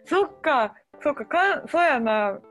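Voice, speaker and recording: Woman, Kansai accent, casual podcast chat, friendly and curious, slightly high pitch, faint background music. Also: expressive, fairly bright tone. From Kobe, Japan. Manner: friendly, curious, quick back-channel replies.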